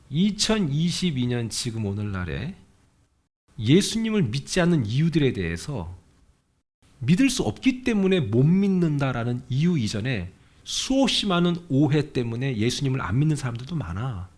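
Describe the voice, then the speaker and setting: In a church sanctuary, a senior pastor preaches conversationally, frequently asking the congregation questions and acting out the voices he quotes. His medium-pitched voice is very animated, at a moderate pace.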